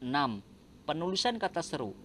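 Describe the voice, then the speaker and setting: A man's voice: fairly high pitch, a little hiss or hum. Man reading a grammar lesson. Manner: slow, even, list-like reading. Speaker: teacher.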